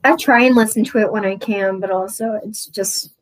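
A woman's voice: medium pitch, steady tone, noisy background. A young woman in casual fan chat, speaking in an easy, laughing way. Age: young adult. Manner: unhurried, laughs often. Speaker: podcast co-host. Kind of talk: casual chat among fans.

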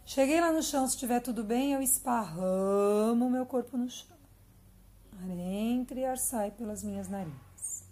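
Brazilian woman guiding calmly, slightly high voice. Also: moderate pace. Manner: calm, instructive. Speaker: yoga teacher. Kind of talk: guided yoga class.

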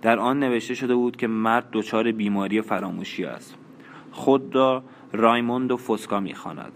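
A man narrating an audiobook in a measured, even reading. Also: medium pitch, a little hiss or hum.

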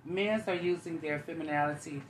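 Low-voiced woman podcast co-host, echoey room. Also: brisk. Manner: blunt, interrupts to hold the floor. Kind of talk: casual chat. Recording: echoey room with faint ambient noise.

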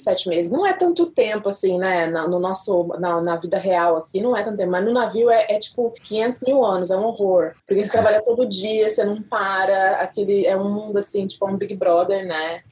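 A woman's voice: mid-range voice, moderate pace, hardly any pauses, darkish tone, poor audio. A woman with a Brazilian accent telling stories casually as a podcast guest, informal and rambling, with playful exaggeration. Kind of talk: casual storytelling chat.

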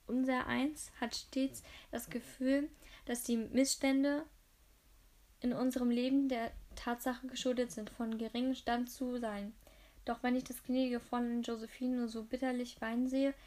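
A woman's voice: high-pitched, darkish tone. A woman reading the lines of a kindly, sympathetic servant woman in a household kitchen.

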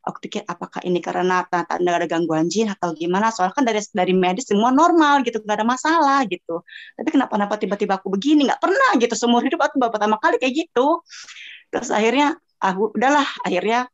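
A woman's voice: medium pitch, fast talker. A woman guest telling her own story in casual chat, acting out what she cried and heard along the way. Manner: animated, acts out her own cries and sounds. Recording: dull lo-fi voice message.

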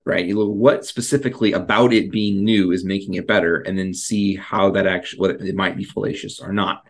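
A man's voice: low-pitched, steady tone, brisk, creaky. A man co-hosting a casual history discussion, talking in a rambling way with many fillers and restarts. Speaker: podcast co-host.

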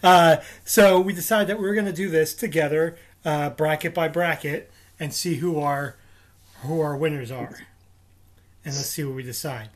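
A man's voice: on the high side, normal speed. A man with a New Jersey accent co-hosting a casual podcast, leading the segment and laughing often. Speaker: podcast co-host.

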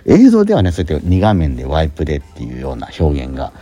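In a laid-back promotional chat about a stage play, a man on the radio gropes for words, stops and starts, and repeats himself. His rumbling low voice swings hugely in pitch and sounds mellow and husky, with soft music behind him.

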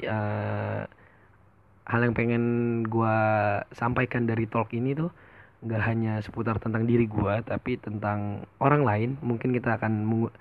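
A man's voice: lowish voice, phone-quality sound. Young man rambling on a homemade podcast. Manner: rambling, many fillers and restarts, mixes casual and polite speech. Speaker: podcast host. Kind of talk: casual solo podcast monologue. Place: room at his parents' home. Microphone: headset mic on a phone.

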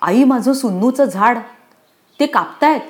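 A woman voicing a brave young village girl on crutches, in a storybook reading, speaking in a high, urgent and pleading way. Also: expressive, normal speed, darkish tone, natural voice. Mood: frightened.

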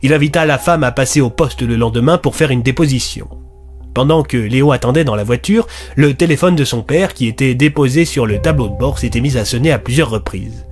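A man reading a scripted detective story aloud with a steady, even delivery. His voice sits mid-pitch, with faint music underneath. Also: brisk. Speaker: narrator.

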